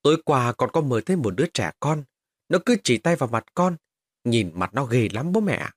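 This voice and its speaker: A man's voice: mid-range voice, big pitch swings, a little fast, dry recording, studio quality. A man voicing a frightened young village boy who pleads and cries out in panic, in a spoken horror story. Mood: pleading.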